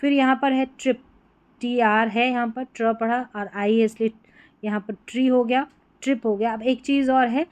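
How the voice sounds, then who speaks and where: A woman's voice: on the high side, steady tone, moderate pace, darkish tone, smooth. A woman with a Hindi accent teaching English reading patterns, sounding out each word, repeating it, and quizzing the listener. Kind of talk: explaining spelling patterns.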